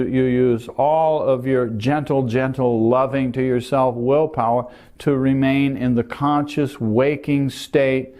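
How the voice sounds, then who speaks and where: An older man teaching meditation, explaining calmly and gently while pointing to a diagram. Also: mid-range voice. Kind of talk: calm spoken lesson.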